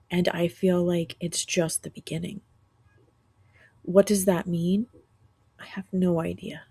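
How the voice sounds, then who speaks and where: On a dry recording, a woman podcaster with a lowish, mellow voice talks from her home couch while sick and rough-voiced. Her spiritual monologue is earnest and reflective, with frequent restarts.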